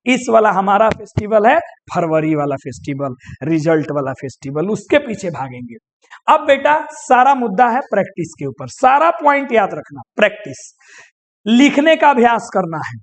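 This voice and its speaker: A man's voice: very high voice, creaky. A male teacher with a Bihari Hindi accent giving students motivational exam advice in a folksy, exhorting way, mixing in dialect and English words.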